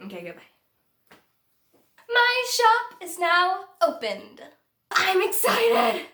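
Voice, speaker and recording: A woman's voice: very high-pitched, wildly swooping pitch, takes it slowly, sharp tone, echoey room. A young woman vlogger telling a personal story in a casual, chatty way, laughing often.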